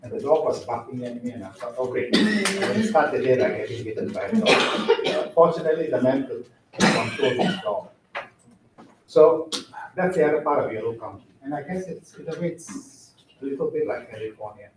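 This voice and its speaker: A man who grew up in Malaysia, speaking as a county medical director at a public board meeting in a relaxed, chatty way with light self-deprecating humor. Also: mid-range voice, normal speed, very noisy. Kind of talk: informal introductory remarks at a public board meeting. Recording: echoey meeting room, mic at a distance.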